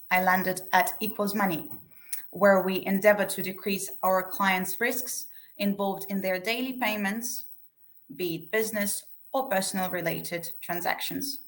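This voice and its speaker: Webinar presenter: young woman, steady scripted delivery, mid-pitched. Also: measured pace. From Estonia. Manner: reads a prepared script evenly. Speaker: webinar speaker, sales manager.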